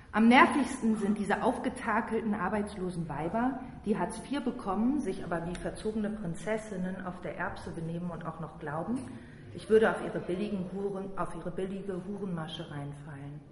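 A woman's voice: lowish voice, moderate pace, slight background noise. A woman reading a crude first-person memoir aloud in a blunt manner. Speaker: reader. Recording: roomy long reverb with faint ambience.

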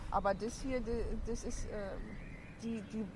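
A middle-aged woman from Berlin, Germany, is interviewed as a resident outdoors beside a high-rise block, with loud street noise around her. Her voice is on the high side and steady, and she chats in a halting way, restarting sentences and using fillers.

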